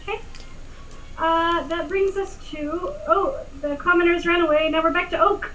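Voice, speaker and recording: A woman's voice: extremely high pitch, fairly even intonation, normal speed, a bit bright, soft background music, rough recording. A woman running a tabletop game as game master, easygoing and laughing often.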